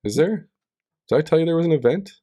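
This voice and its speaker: A man's voice: on the high side, animated, fast, dark tone, no echo, clean studio sound. A man co-hosting a casual podcast chat, chatty and teasing, with lots of fillers. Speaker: podcast co-host.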